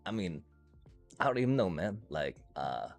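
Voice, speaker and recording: A man's voice: deep voice, sing-song, moderate pace, faint music behind. A man streaming a card game, ranting profanely with frustrated laughs between lines. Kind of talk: casual gameplay commentary.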